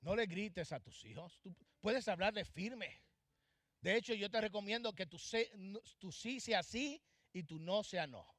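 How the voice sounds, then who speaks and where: A man with a fairly high voice delivers an impassioned sermon, rising to loud, urgent exhortation and then dropping to hushed, pointed asides. His voice is dry and close, with little room sound. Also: expressive, unhurried, no room sound. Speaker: pastor. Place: church.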